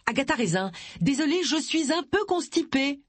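A woman voicing a blunt, stubborn middle-aged female sleuth who answers in loud, short retorts. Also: medium pitch, expressive, brisk, husky, no echo, pitched above the performer's own voice. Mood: agitated.

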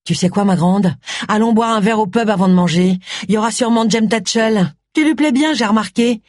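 A woman's voice: medium pitch, a little fast, darkish tone, no echo, studio quality, voice pushed up, close to an everyday voice. A woman voicing a crude, scolding old mother who is a village witch, in an audiobook.

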